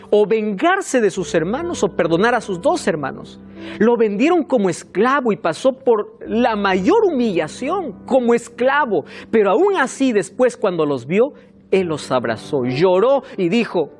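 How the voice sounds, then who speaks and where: Preacher mid-sermon: very expressive pitch, storytelling delivery, faint music underneath. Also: a little slow. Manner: expressive storytelling with rhetorical questions to the congregation; repeats phrases for emphasis.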